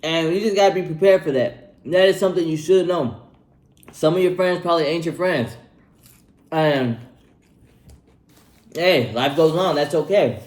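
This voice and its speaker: Young man, twenties, slightly higher voice, loose slangy advice vlog, echoey room. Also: normal speed, long pauses, darkish tone. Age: 20s. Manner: laid-back, slangy, repeats himself, tags lines with "bro". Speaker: vlogger giving life advice. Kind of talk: casual advice vlog while eating.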